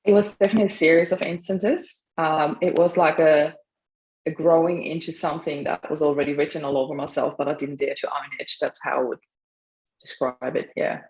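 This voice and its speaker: Woman from Austria, middle-aged, podcast guest, chatty, quick laughs, casual storytelling. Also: sits low, steady tone, a little mellow, rough recording. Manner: chatty, laughs often, trails off with fillers. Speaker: mindset coach. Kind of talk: casual interview.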